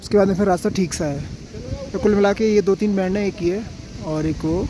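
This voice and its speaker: A man's voice: high-pitched, normal speed. A man vlogging outdoors on a mountain trail, sick with a fever and worn out from climbing, chatting and giving friendly advice to viewers. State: unwell with a fever, tired from climbing. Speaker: travel vlogger. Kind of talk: casual travel vlog narration.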